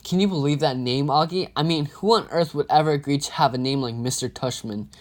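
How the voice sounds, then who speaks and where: A man's voice: fairly high pitch, a little fast, lightly acted. A man reading a storybook aloud and voicing a playful father with a jokey, teasing manner. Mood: joking.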